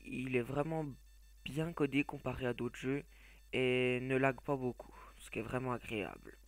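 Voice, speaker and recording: A man's voice: mid-range voice, normal speed. A man reviewing phone game apps in a casual, hesitant voice-over, with blunt opinions, frequent fillers and restarts. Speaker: app reviewer.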